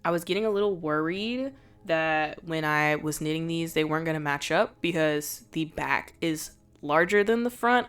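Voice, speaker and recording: Deep, clear and resonant with a touch of brightness, her voice is clogged and nasal because she has a cold. She keeps things light and self-deprecating as she chats through a casual crafting vlog with voice-over.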